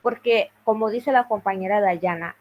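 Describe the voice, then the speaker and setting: A woman teacher with a Panamanian Spanish accent and a loud, firm voice, sharing her classroom experience in a workshop. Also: medium pitch, normal speed, muffled recording, slight background noise.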